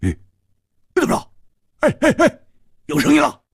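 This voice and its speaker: A man doing an excitable stammering swordsman. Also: moderate pace, vocal fry, breathy edge, no echo, clean studio sound, exaggerated voice. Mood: excited. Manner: high excited stammering outbursts. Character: excitable stammering male swordsman, brash and impatient.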